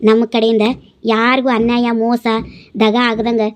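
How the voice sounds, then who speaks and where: A woman voicing women in a dubbed cartoon story, calm and advising. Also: on the high side, normal speed.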